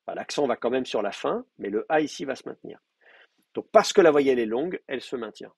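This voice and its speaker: Husky-voiced man teaching a class. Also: mid-range voice, animated, a little mellow, no echo. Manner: explanatory, repeats forms slowly, many fillers. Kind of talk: university lecture.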